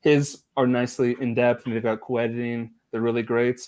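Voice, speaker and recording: Relaxed man hosting a casual livestream. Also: medium pitch, fairly quick. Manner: relaxed, rambling, laughs easily. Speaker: livestream host.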